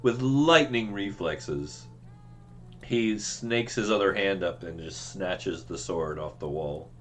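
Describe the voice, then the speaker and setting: A man running a tabletop game as game master, narrating scenes in a slow, dramatic way. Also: deep voice, soft background music.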